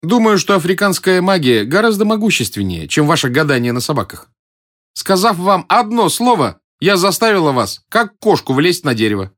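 A man voicing a calm, teasing young African woman in an audiobook reading, with a cool, unbothered manner. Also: high voice, normal speed, voice pushed up. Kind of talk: audiobook character voice.

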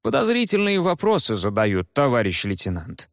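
A man's voice: medium pitch, wildly swooping pitch, normal speed, no echo, clean studio sound, voice pushed up. A man voicing a rude, suspicious middle-aged police officer who barks his words. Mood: gruff. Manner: gruff, barking.

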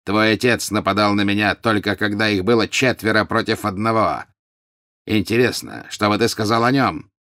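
A man's voice: lowish voice, normal speed, a bit bright, no room sound, studio quality. Man reading as a sneering cold wizard. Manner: sneering, barking commands. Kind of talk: audiobook reading.

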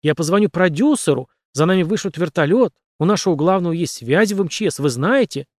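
A man's voice: high-pitched, expressive, fast, no room sound, studio quality, voice pushed up. A man voicing a frightened man who mutters coaxing promises. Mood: frightened muttering.

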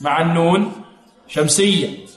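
A man teaching Quranic recitation rules. He asks questions, answers them himself, and chants slow, drawn-out examples. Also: a little high. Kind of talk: tajweed lesson with recited examples. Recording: echoey hall recording.

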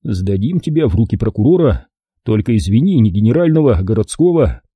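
A man voicing a tough, sarcastic male ex-investigator who speaks low and slow with quiet menace in an audiobook. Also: very animated, breathy edge, no echo, highs cut off. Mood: mocking. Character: gruff tough male ex-investigator detective, mocking.

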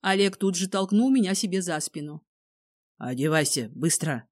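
A woman reading a first-person dramatic story aloud, expressive throughout. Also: medium pitch, brisk. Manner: expressive, voices each character. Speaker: audiobook narrator.

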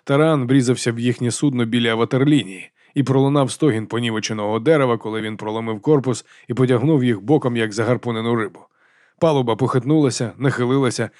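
A man reading an audiobook in a measured, even narration. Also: mid-range voice, no room sound. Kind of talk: scripted narration. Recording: dry studio.

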